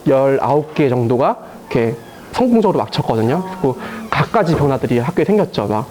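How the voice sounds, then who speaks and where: A man who works as a teacher, telling lively stories to an audience with lots of fillers and laughter. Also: medium pitch, quick pace, a little hiss or hum. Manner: animated storytelling with frequent fillers and laughs. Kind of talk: casual talk to a live audience.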